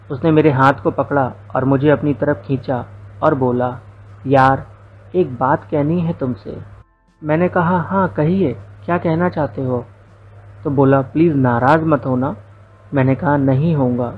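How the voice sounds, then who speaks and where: A man's voice: on the high side, phone-quality sound, a little hiss or hum. A young man narrating a first-person story, with quoted dialogue folded into his telling.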